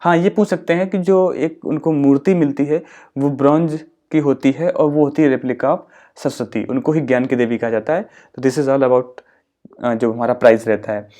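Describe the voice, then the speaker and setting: A man's voice: mid-range voice, steady tone, warm tone. Hindi-speaking man teaching exam facts. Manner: explains slowly, repeats points, mixes English terms into Hindi. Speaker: exam-prep teacher and channel host. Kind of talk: educational explainer.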